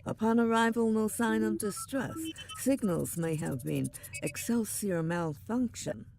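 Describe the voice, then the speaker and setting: A woman's voice: medium pitch, a little slow, vocal fry, darkish tone, soft background music. A woman playing a commanding, dryly witty starship captain in a science fiction audio drama. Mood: brisk, commanding. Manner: dry, authoritative. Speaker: voice actor.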